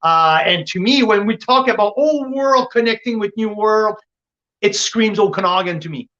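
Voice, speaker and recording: High-voiced man, sommelier-style wine chat. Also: normal speed, sharp tone. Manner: sommelier-like wine tasting talk. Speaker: host and wine reviewer. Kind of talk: casual wine tasting chat. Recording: dull, lo-fi audio.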